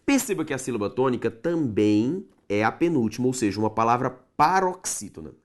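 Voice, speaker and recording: Lively Brazilian male grammar teacher. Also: medium pitch. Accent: Brazilian Portuguese. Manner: animated, stretches key words slowly for emphasis; addresses viewers directly, checks understanding often. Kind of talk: online grammar lesson.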